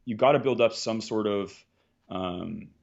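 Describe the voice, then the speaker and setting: A man's voice: lowish voice, measured pace, gravelly, a little mellow, highs cut off. A man in his thirties, a jiu-jitsu competitor from Canada, talking casually in a podcast interview and rambling with lots of "like"s and restarts. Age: 30s. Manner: rambling, full of filler "like"s and restarts.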